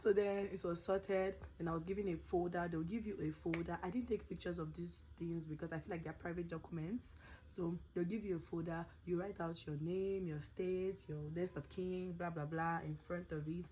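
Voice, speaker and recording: A woman's voice: lowish voice, fairly even intonation, normal speed, mellow, a little hiss or hum, poor audio. A young Nigerian woman vlogging casually, chatting with pidgin phrases, her voice not fully recovered. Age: young adult. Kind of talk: casual storytelling vlog.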